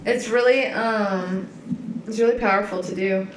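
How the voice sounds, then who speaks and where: A woman's voice: medium pitch, fairly even intonation, a little slow. A young woman co-hosting a casual chat, rambling with many fillers and asking questions. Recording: echoey room with faint noise.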